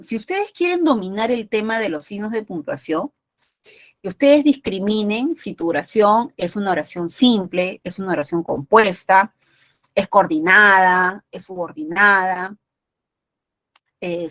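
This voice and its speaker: A woman's voice: mid-range voice, animated, a little slow, fairly bright tone, dry recording. A woman teaching a university entrance exam prep class, explaining patiently and often checking in with short tag questions.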